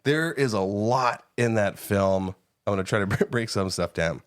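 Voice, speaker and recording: A man co-hosting a podcast, giving a casual, animated movie review with frequent swearing and laughter, close on the mic. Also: lowish voice, normal speed, no echo. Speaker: podcast co-host. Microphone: close studio mic.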